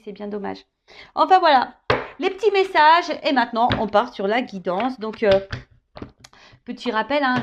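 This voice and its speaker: A woman in her thirties chats her way through a tarot guidance reading, joking and tagging her phrases with little asides. Her voice sits fairly high. The recording is dull and lo-fi. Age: 30s. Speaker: tarot reader. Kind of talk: casual tarot guidance chat.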